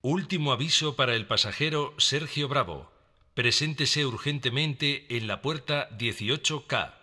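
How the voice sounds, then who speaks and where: A man's voice: medium pitch, a little slow, sharp tone. A man voicing a formal airport announcement, in a scripted public-address style.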